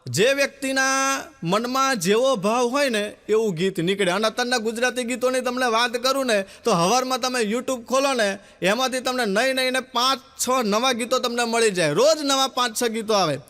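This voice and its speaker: A man's voice: very high voice, moderate pace. A man doing stand-up, telling comic stories and acting out the dialogue of the people in them. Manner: animated joke-telling with quoted dialogue. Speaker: stand-up comedian. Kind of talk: Gujarati comic storytelling.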